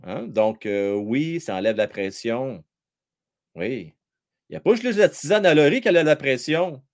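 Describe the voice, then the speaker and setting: A man with a Quebec French accent hosting a live hockey stream, commenting on the game and chatting with viewers in a slangy, excitable way. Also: unhurried. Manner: excitable, chatty, slangy, swings between shouting and low asides. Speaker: hockey livestream host.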